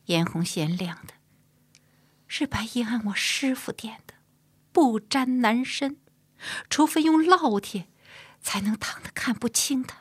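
A proud young outlaw woman, played by a woman narrator speaks plaintively about her wrongs in a husky, breathy voice. She sounds bitter and wounded. It is an audiobook voice recorded dry. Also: a little high, dry recording, voice pushed up, exaggerated voice.

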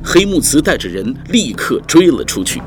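A man narrating an audiobook in a vivid, expressive way, with music behind. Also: mid-range voice, normal speed. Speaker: storyteller.

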